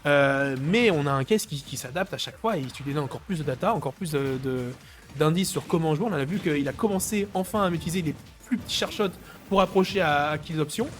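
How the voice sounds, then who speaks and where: A man with a slightly high voice breaking down a fighting-game match, mixing analysis with wry jokes. Faint music sits quietly behind him. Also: brisk. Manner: chatty analytical colour commentary, joking asides. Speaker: esports co-commentator. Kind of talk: live esports analysis. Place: esports venue.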